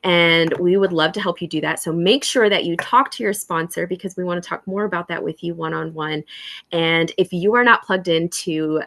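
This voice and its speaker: A woman's voice: fairly low pitch, normal speed, a bit bright. Encouraging chatty woman. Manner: encouraging, chatty, acts out little dialogues. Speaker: host of a welcome call for new members. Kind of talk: upbeat welcome talk to new members.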